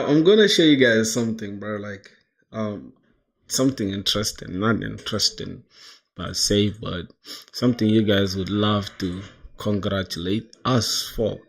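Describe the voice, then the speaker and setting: A man in his twenties from South Sudan, chatting casually on a coding live stream, dropping "bro" into nearly every line and reading chat aloud. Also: fairly low pitch. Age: 20s. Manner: slangy, says "bro" constantly, laughs, reads chat aloud. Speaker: livestreamer coding toward a job.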